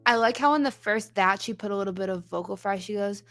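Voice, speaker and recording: A woman's voice: medium pitch, quick pace, a bit bright, soft background music. A woman voice teacher giving analytical reaction commentary, explaining singing technique step by step.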